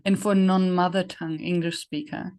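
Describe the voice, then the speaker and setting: Her pitch fairly low and her intonation fairly even, this German-accented woman speaks at a moderate pace with a slightly mellow quality. A native German speaker, she hosts and facilitates a podcast, reflecting conversationally in interview chat as she gropes for words.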